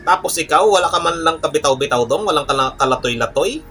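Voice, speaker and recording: A man's voice: a little high, fast, faint music behind. A young man, commentating his own gameplay live with brash, cursing trash talk and boastful bragging. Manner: boastful, mock-calm refrains. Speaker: gaming streamer.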